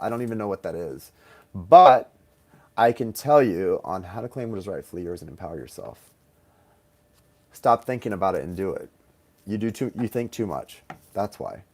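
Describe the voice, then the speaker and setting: A man's voice: fairly low pitch, a little mellow. A man hosting a live tarot stream, chatting casually, reading viewer comments aloud and laughing easily.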